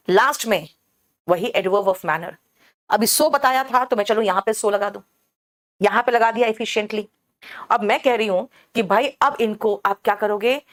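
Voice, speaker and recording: A woman teaching English grammar in a classroom, explaining patiently, checking understanding and slowing down to spell out example sentences. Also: a little high, fairly bright tone. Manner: explains patiently, calls students beta, asks check questions. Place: classroom with air conditioner running.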